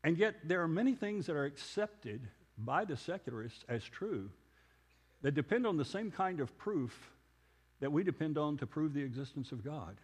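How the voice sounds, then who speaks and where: Guy preaching, kinda high voice that swings around a lot, long echo like a big hall. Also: very animated, normal speed, slightly rough. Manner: conversational storytelling with rhetorical questions. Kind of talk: sermon lecture.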